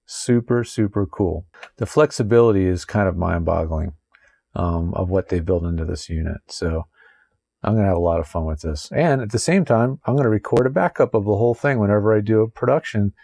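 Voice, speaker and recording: This tech reviewer's fairly low, gravelly voice comes a little fast, with no echo on the recording. He's relaxed and talkative, running a casual tutorial at home, speaking into a condenser mic on a desk arm and counting through frequent mic checks over a faint computer hum.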